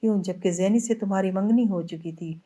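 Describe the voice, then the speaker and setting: A woman's voice: mid-range voice, warm tone, close to an everyday voice. A woman reading the lines of a stern young husband in an audiobook novel, in a firm, clipped way.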